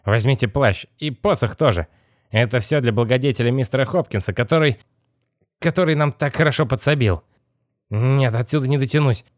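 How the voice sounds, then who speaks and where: A man voicing an older, irritable and puffing male gang leader in an audiobook, gruff and bossy. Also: medium pitch, fairly quick, no room sound, clean studio sound, pitched above the performer's own voice, close to an everyday voice. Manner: gruff, bossy, easily annoyed. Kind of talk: audiobook character voice.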